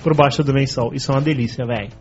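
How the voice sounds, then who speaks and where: A man hosting a casual podcast chat, telling lively stories, acting out quotes and swearing freely. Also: medium pitch, very fast, soft background music. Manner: animated storyteller who acts out quotes and swears freely. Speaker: podcast host. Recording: dull lo-fi podcast recording.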